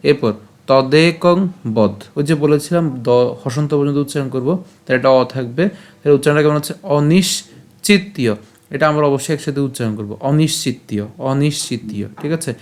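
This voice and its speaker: A man's voice: fairly high pitch, very fast. A man with a Bengali accent teaching how to pronounce a scripture verse, breaking the words into syllables, asking and answering his own questions, and chanting the verse. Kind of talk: pronunciation lesson with chanted verse.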